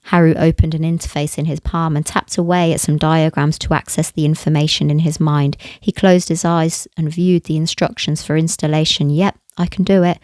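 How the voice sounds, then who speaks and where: A woman's voice: sits low, level tone, normal speed, hardly any pauses, darkish tone, dry recording. A woman reading a novel aloud, now and then stopping to correct herself. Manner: stops to correct herself mid-read. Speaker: audiobook reader.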